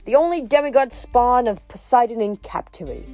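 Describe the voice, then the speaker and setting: A woman's voice: a little high, expressive, brisk, mellow, faint music behind, voice pushed up. A woman doing a gloating male sea god. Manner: mocking, sing-song showman.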